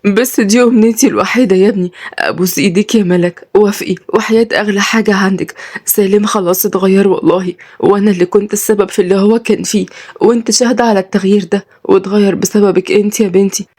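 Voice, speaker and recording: A woman's voice: medium pitch, steady tone, rapid-fire, darkish tone, lightly acted. A woman voicing a frail older mother who pleads tearfully, in Egyptian Arabic. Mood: pleading.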